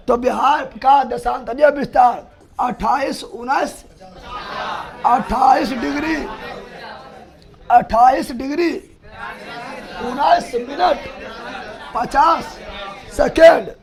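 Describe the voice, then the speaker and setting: A man teaching a class, shouting out facts for the students to chant back. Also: extremely high pitch, gravelly. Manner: loud call-and-response drilling, shouting. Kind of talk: classroom lesson drill.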